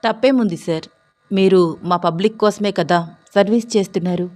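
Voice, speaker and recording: A woman's voice: medium pitch, moderate pace, darkish tone, lightly acted. A woman voicing a bold young male police officer who speaks firmly and seriously. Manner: firm, serious, fearless.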